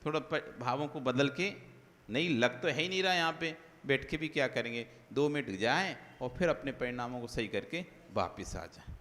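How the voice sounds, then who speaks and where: A man's voice: medium pitch, lively intonation, normal speed, a bit bright. A man giving a conversational sermon as a Jain monk, listing examples one after another and asking rhetorical questions. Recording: long hall reverb.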